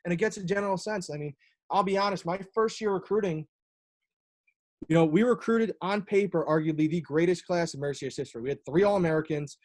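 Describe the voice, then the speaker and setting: A man's voice: high-pitched, quick pace. A young man, a college lacrosse coach talking casually on a video call, rambling with many fillers and restarts.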